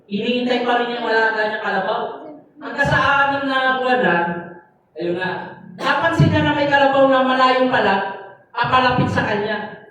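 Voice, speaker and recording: A man's voice: very high voice, normal speed, sharp tone. A man giving a sermon as a lay preacher, telling a story in a loose, conversational way with frequent tag questions and fillers. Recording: echoey hall, mic far off, faint noise.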